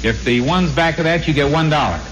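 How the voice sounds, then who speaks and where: A man hosting a radio quiz show in a brisk, teasing way, spelling words out letter by letter, heard from an old broadcast disc. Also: a little high, background noise. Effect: old broadcast disc playback.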